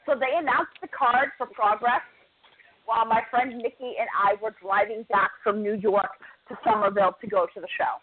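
Woman podcast co-host with a slightly high voice, casual and chatty, recorded over thin phone-quality audio. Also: fairly even intonation, normal speed. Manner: chatty storyteller, rattles off match results.

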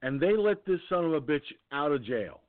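A man's voice: fairly high pitch, sing-song, normal speed, no room sound. A man hosting an online radio talk show, blunt, indignant and swearing as he reads the news. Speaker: host. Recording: dry, phone-like sound.

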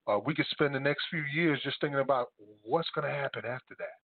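A man's voice: mid-range voice, quick pace, gravelly, dry recording, phone-quality sound. A man co-hosting a radio show, signing off with earnest, preachy remarks. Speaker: co-host.

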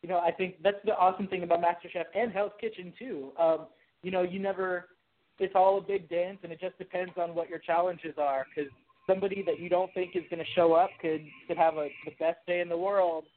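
A line cook chatting casually, upbeat and teasing with an enthusiastic manner. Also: male voice, sits high, fairly even intonation, brisk, a little hiss or hum. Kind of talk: casual podcast chat. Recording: tinny phone-like line.

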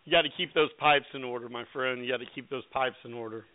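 A man's voice: mid-range voice, steady tone, quick pace. A man hosting a radio interview in an upbeat, hyping manner. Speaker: radio show host. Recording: phone-like narrow sound.

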